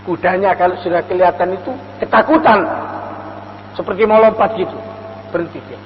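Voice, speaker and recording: A little fast but steady in tone, an older man with a high-sitting voice gives a dawn sermon full of stories whose voices he acts out. The lo-fi audio carries faint noise and the echo of a reverberant hall.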